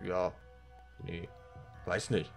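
Ein Mann kommentiert als Let's Player locker und beiläufig ein Spiel. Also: male voice, low voice, flat delivery, extremely slow, vocal fry. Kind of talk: casual gaming commentary. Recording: faint game music behind. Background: video game music.

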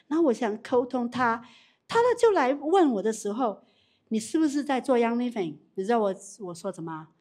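Woman w/ doing a live sales training, bit high voice, lively, keeps quizzing the crowd. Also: a little fast. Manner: animated, repeats questions to the audience, frequent restarts. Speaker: business trainer. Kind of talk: live training talk with audience Q&A.

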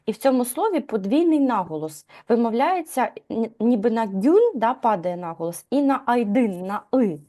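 A woman teaching Turkish in a live lesson, explaining patiently, asking her students questions and filling pauses with "e". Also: a little high, dark tone. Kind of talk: live online language lesson.

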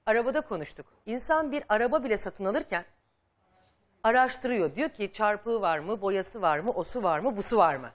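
A woman hosting a television talk show in a studio, talking guests through a family dispute in a firm, reasoning way. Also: on the high side.

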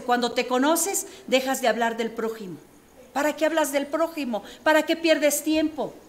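A woman's voice: very high-pitched, a bit bright. A Mexican woman, a psychologist, giving a preachy radio talk full of rhetorical questions. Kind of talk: radio talk on addiction recovery. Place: radio studio.

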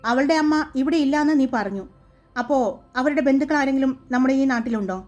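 A woman's voice: high voice, fast talker, darkish tone, soft background music, lightly acted. A woman voicing a stern, protective young man who questions others bluntly.

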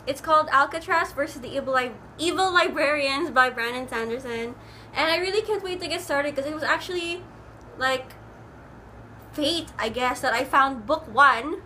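Bright, high-voiced chatty young woman. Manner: chatty and rambling, with many likes and ums. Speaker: book vlogger. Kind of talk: casual chat. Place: room at home with air conditioning on. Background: air conditioner hum.

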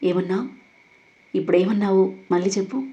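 A woman voicing a teasing but protective young man in a romantic audio story, speaking gently. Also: medium pitch, brisk, dull audio, natural voice. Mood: soft tender. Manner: teasing, then gentle and soft.

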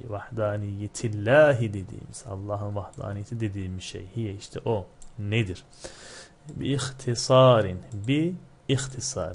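A man with a low voice teaches a grammar lesson from a textbook. He draws out each phrase as he reads it, then hurries through the explanation. A faint hiss sits under the recording. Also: darkish tone. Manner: reads Arabic slowly, then explains quickly in Turkish. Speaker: Arabic teacher. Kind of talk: textbook lesson, reading and translating line by line.

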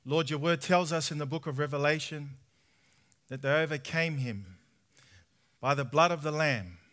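A man in his thirties with an Australian accent giving a conversational testimony sermon at a church conference, drawing the audience in with questions. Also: on the high side. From Sydney, Australia. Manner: conversational, asks the audience questions, prays softly. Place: large tent hall with audience, indoors.

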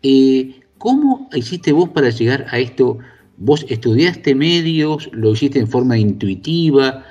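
A man's voice: mid-range voice, very animated, measured pace, a little mellow, husky. A male radio interviewer asking curious questions with short affirming replies. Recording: dull lo-fi sound with faint music.

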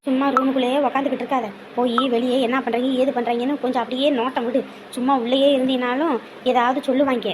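A woman's voice: sits high, flat delivery, noisy background, natural voice. A middle-aged woman playing a bossy mother who scolds and advises her grown son. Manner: bossy, scolding, quick-fire advice.

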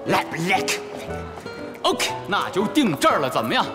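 A showy young groom brags. His voice sits high and swings widely. A long hall reverb and clear music run under the drama scene. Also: wildly swooping pitch, unhurried, heavily acted. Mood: swaggering. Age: young adult. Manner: boastful, showy, exclaiming. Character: boastful young groom showing off. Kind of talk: TV drama acting.

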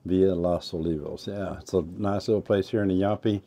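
An older man with a low, mellow voice hosts a casual interview on a covered outdoor patio by a fireplace, speaking fairly quickly with fairly even intonation. He rambles, repeating and restarting his sentences. A camera at a distance captures the audio.

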